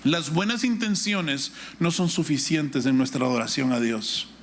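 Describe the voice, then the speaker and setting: Unhurried and a little high-pitched, a middle-aged man with a Guatemalan Spanish accent gives a sermon over a faint hiss or hum. His approach is instructive, using repetition and rhetorical questions alongside Scripture reading and a story from his own life.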